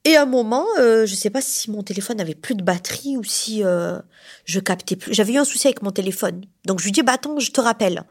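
A woman from southern France telling a personal story in a casual, lively way. She uses lots of fillers and acts out the people in her story. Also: medium pitch, fast talker. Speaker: storyteller recounting a past relationship.

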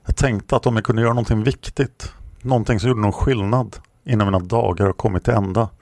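A man reading the lines of a dying young woman, soft and tearful. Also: on the low side, fairly even intonation, no echo, studio quality.

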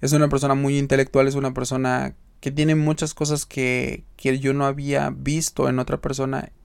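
A man's voice: medium pitch, flat delivery, normal speed, vocal fry, clear, resonant tone, no room sound, studio quality. A man with a Mexican accent hosting a podcast, talking straight to the listener in a chatty, emphatic way as he gives advice. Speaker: podcast host. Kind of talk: casual advice monologue.

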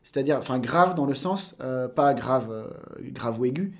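A man's voice: medium pitch, lively intonation, normal speed, crowd noise. A man in his thirties, a voice actor guest on a casual podcast, explaining at length with frequent hesitations and fillers.

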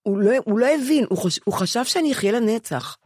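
A woman's voice: on the high side, animated, darkish tone, husky, dry recording, studio quality. A woman in her seventies talking candidly as a podcast co-host, often stopping to restart and repeat words. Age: 70s. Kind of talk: candid conversation.

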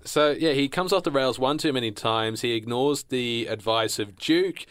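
A man's voice: mid-range voice, normal speed, fairly bright tone, dry recording. A man co-hosting a casual podcast, speaking in a wry, slightly formal, correcting manner. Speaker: podcast co-host. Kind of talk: casual chat.

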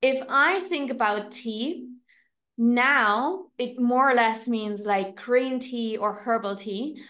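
A podcast co-host, she speaks English as a non-native speaker with a German accent, her voice fairly bright and on the high side. The conversation is casual and reflective, and she often pauses and starts over while looking for the right words.

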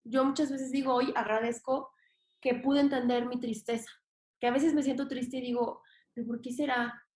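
A young adult woman with a Mexican accent, a podcast guest chatting casually in an expressive, slangy way and acting out her inner voice. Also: high voice, moderate pace. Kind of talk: casual conversation. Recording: echoey room.

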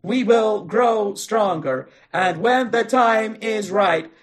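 A man voicing a scheming male AI robot in a low, flat, computer-like delivery. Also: slow pace. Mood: grandiose. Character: menacing male AI robot voice plotting an uprising.

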